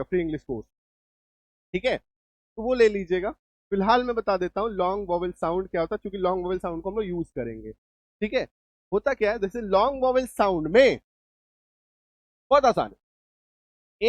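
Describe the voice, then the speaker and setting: A man teaching English spelling in a relaxed spoken lesson, often checking that students follow and reassuring them. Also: sits high, no room sound, dull audio. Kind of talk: spoken Hindi lesson with students addressed directly.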